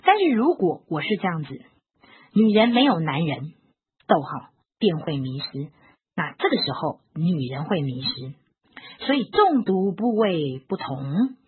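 A woman giving a recorded lecture on logic, explaining with worked examples, repeating key phrases and filling pauses with soft particles. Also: lowish voice, breathy edge. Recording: lo-fi, phone-like band.

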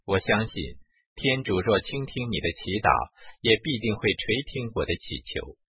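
A haughty, self-righteous nun speaks with proud scorn, as a man reads her lines. The voice is low and very husky, and it comes over a dry, tinny narrow-band line. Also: sing-song, normal speed, no room sound, heavily acted.

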